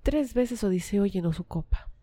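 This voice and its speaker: A woman's voice: medium pitch, expressive, moderate pace, dark tone, no echo. A woman retelling a myth in a casual, chatty way, with asides to her listeners. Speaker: storyteller.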